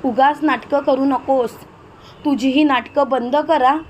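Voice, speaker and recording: A woman's voice: sits high, fairly even intonation, a little slow, slight background noise. Iravati, a bossy domineering woman, read by a woman. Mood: commanding.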